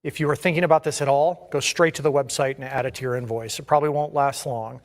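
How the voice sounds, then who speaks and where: A man's voice: medium pitch, fairly even intonation, quick pace. A man working as an auctioneer, calling bids in a repetitive chant of numbers and increments.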